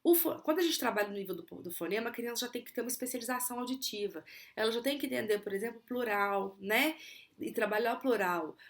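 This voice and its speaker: A Brazilian Portuguese woman with an animated voice on the high side teaches auditory attention exercises for children in an explanatory video lesson. She's clear and teacherly, slowing her speech to model words.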